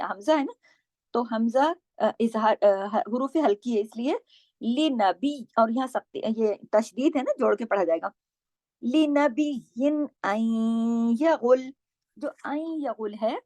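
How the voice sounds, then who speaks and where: A woman teacher explaining recitation rules, modelling each word aloud between quick explanations. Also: on the high side, a little mellow, no echo.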